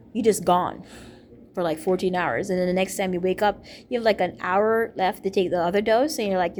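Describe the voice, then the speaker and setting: A woman's voice: medium pitch, a little mellow, a little hiss or hum. Emphatic woman in her thirties. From Jamaica. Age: 30s. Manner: emphatic, repetitive, stream-of-consciousness. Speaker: teacher and minister. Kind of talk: rambling personal monologue.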